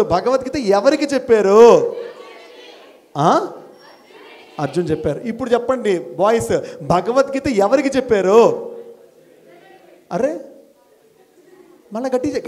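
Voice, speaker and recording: A man's voice: very high voice, animated, normal speed, pauses often. A middle-aged man, a school principal, gives a motivational talk to college students, firing questions at them and repeating phrases in rhetorical chains. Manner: fires questions at the audience and urges them to answer louder. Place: college hall before students.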